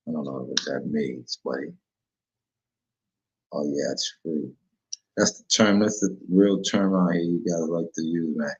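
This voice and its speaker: A man's voice: low-pitched, darkish tone. A man hosting a casual solo sports betting talk show, rambling in slang and often correcting himself. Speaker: sports betting podcast host. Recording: dull lo-fi recording.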